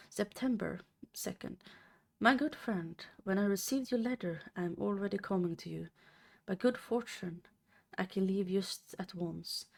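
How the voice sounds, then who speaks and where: A young woman streamer reading a classic novel aloud on a live stream. She reads haltingly, stumbling over and restarting words. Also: mid-range voice, gravelly.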